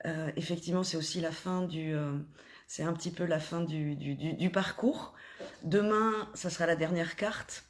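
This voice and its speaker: A woman coaching spiritual followers in an informal talk, gently encouraging them while pausing often and restarting her sentences. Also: fairly low pitch. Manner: hesitant, full of pauses and restarts.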